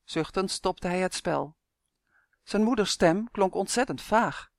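An audiobook reader calmly narrating a children's story. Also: mid-range voice, unhurried, gravelly, no echo, studio quality. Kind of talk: scripted narration.

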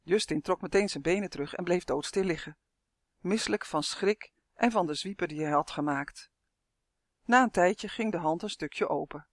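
Lively storybook narrator, dry close sound. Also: female voice, lowish voice, moderate pace, dry recording. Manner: lively expressive reading.

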